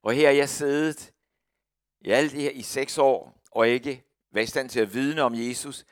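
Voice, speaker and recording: A middle-aged man speaks as a missionary sharing his testimony. He tells it like a lively storyteller, with a voice of middle pitch. The recording is dry and close, with almost no room sound. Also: dry recording. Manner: lively storyteller who acts out quoted voices.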